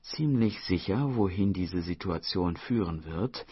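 A man narrating a documentary in an expressive, scripted storytelling delivery. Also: low voice, unhurried, slight background noise. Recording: dull, dry studio voice-over.

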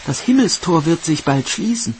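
A man voicing the elder fairy sisters in a storybook tale, hurried and bright. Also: on the high side, very animated, noisy background, voice pushed up. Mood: urgent. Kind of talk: storybook narration.

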